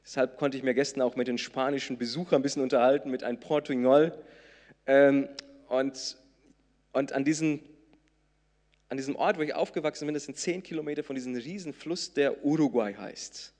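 Preacher in a reverberant hall. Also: male voice, medium pitch, fairly even intonation, a little fast. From southern Brazil. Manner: impassioned, swings between loud emphatic peaks and soft intimate lines. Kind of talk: sermon. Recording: long reverb of a large hall.

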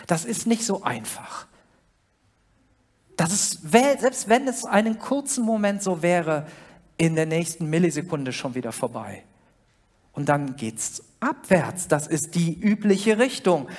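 Preacher talking straight to the listener. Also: medium pitch. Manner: speaks directly to the listener, conversational and personal. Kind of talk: sermon retelling a Bible story.

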